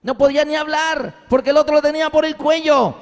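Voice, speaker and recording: A man's voice: extremely high pitch, flat delivery, fairly quick. A man preaching a sermon, telling the story with animation and acting out the voices of the people in it. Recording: long hall reverb.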